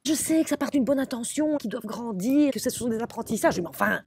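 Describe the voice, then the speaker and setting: Woman comedian, forties, husky and animated, exasperated comic storytelling. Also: a little high, a little fast. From Belgium. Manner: animated storytelling, swings between deadpan and exasperated. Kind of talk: comic monologue.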